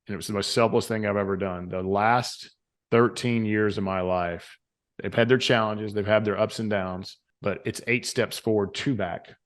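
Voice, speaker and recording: A man with a Southern US accent and drawl speaks earnestly and emphatically as a motivational interview guest, an author and retreat leader who repeats phrases for effect. His pitch is fairly low, his tone steady and his speed normal.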